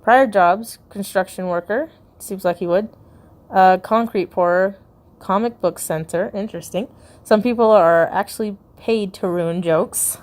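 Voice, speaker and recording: A woman giving casual, giggly commentary while browsing a video game's hidden files. She reacts out loud and stumbles as she reads. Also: mid-range voice, unhurried. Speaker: video game YouTuber.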